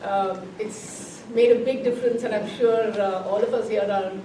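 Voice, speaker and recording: In a library room, this host of an environmental group's community event brings on each speaker, peppering her introductions with fillers. She has a warm, steady mid-range voice at normal speed, though the recording is noisy, heavily echoey, and distant from the mic.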